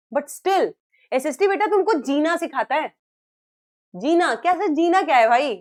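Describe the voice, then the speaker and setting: Earnest high-voiced woman teacher. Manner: earnest, coaxing, mixes Hindi and English. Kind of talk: classroom lecture.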